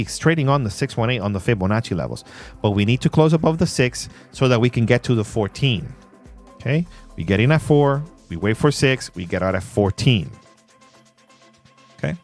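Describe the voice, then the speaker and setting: A man hosting a casual livestream, playful and laughing often while he reads chat shout-outs. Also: mid-range voice. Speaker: livestream host. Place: in Puerto Rico.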